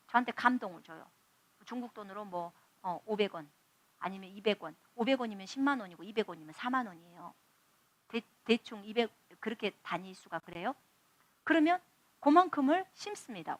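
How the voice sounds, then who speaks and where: Lively woman preaching a testimony. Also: fairly high pitch. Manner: animated storytelling, acting out dialogue. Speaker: missionary preacher. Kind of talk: testimony sermon.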